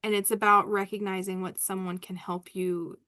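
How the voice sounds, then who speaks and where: A woman's voice: mid-range voice, level tone, moderate pace, bright, forceful tone. Woman reader, casual live chat, rambling, candid, laughs a lot. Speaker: spiritual reader hosting a live session.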